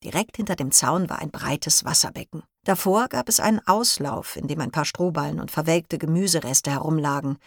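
A woman narrating a children's audiobook in a clear, expressive storytelling manner. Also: low-pitched, fairly quick, hardly any pauses, no room sound, studio quality. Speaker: audiobook reader.

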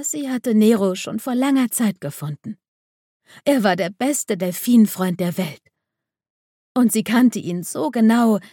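A woman reads a children's audiobook in a gentle storytelling manner. Her voice is mellow and dark rather than bright. The sound is dry, with no room around it. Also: mid-range voice, no room sound. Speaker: narrator.

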